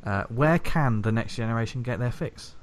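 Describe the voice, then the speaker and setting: A man's voice: medium pitch, normal speed. A man hosting a comics podcast, joking and laughing often in casual chat. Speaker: podcast host.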